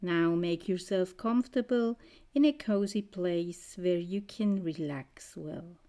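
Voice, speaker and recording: A woman guiding a trance meditation in a soothing, mesmerizing way, with short gentle phrases and a soft, breathy voice that often nears a whisper. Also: fairly low pitch, takes it slowly. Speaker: guided meditation narrator.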